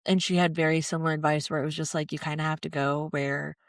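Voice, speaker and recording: A woman's voice: low voice, flat delivery, quick pace, dry recording, clean studio sound. A young adult woman hosting a podcast interview, enthusiastic and chatty, with frequent filler words. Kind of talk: casual interview talk.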